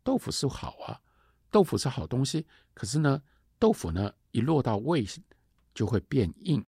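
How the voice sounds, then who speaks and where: A male lecturer voicing a sharp-tongued old female servant who nags and taunts with rhyming sayings. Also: medium pitch, big pitch swings, normal speed, husky, no room sound, clean studio sound, pitched above the performer's own voice, heavily acted. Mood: needling.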